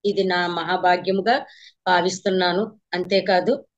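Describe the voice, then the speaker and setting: A woman's voice: on the low side, steady tone, normal speed. A woman meditation teacher giving a spiritual talk to a class, telling her story earnestly and repeating phrases for emphasis. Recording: slightly dull lo-fi recording.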